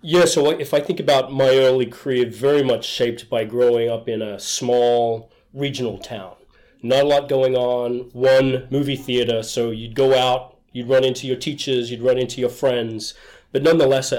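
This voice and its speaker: A middle-aged man with an Australian accent talks through his background as an interview guest. He speaks in a relaxed, enthusiastic way, with a voice of middling pitch. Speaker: guest, HR executive. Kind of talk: conversational interview.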